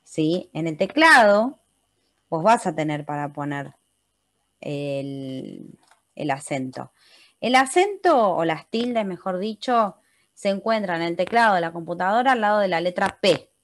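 A woman's voice: on the low side, animated, measured pace. An Argentine woman teaching a webinar computer class, walking her students through a spreadsheet step by step and often checking in with a patient "¿sí?". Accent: Argentine Spanish. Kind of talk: step-by-step software tutorial. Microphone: computer mic in a webinar.

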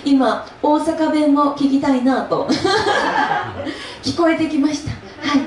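An Osaka-born enka singer, her voice high and her pace slow, talks to the crowd between songs at a mini live in a music shop's event space. She laughs a lot and fills her speech with fillers. Heard through a handheld mic, her voice comes from a distance in an echoey room.

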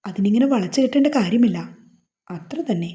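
A woman's voice: mid-range voice, lively intonation, fairly quick, dark tone, natural voice. A woman voicing a sulky young husband who turns playfully teasing in a romance novel reading. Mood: grumbling.

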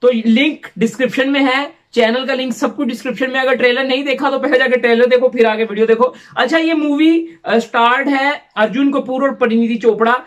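A man's voice: very high-pitched, steady tone, brisk, hardly any pauses, muffled recording. A man from Pakistan hosting a reaction channel, chatting casually and rambling as he drops English phrases into his talk. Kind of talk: casual chat reacting to a film trailer.

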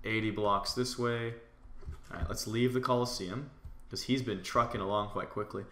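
Bright-voiced excitable young man gaming. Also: on the low side, moderate pace, reverberant, slight background noise. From Canada. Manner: excitable, jokey, bursts into loud shouts. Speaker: gaming YouTuber. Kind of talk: casual gameplay commentary.

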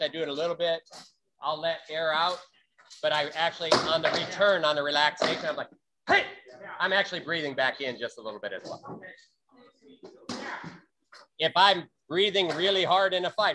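A man coaching a virtual sword-fighting practice on a video call, explaining and demonstrating with sharp bursts of breath. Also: fairly high pitch, background noise.

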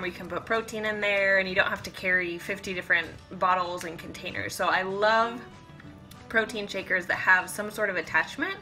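Here the same kind of speaker, a thirtysomething woman vlogging about fitness, demonstrates things in a home kitchen while chatting to camera and musing aloud. Her medium-pitched voice comes across pushed and bright.

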